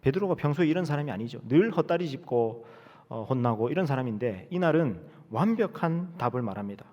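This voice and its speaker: A male pastor preaching a sermon, telling the story dramatically and moving between loud and hushed delivery. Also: medium pitch, lively intonation, a little fast, dull audio. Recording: reverberant church hall.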